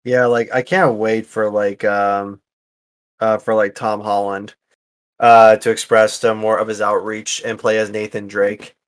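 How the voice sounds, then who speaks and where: A man of middle pitch talks casually, hesitating often and leaning on filler words. He sounds like a relaxed podcast co-host. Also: unhurried. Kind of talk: casual chat.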